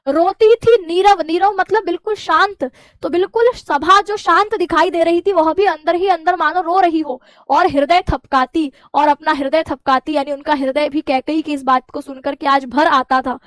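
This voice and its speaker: A woman teacher walks through a poem line by line. She reads each verse slowly, then restates it in everyday words, often checking in with "है ना". The sound is close and dry, with no room around it. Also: high voice, steady tone, fairly bright tone, no echo. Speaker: Hindi teacher.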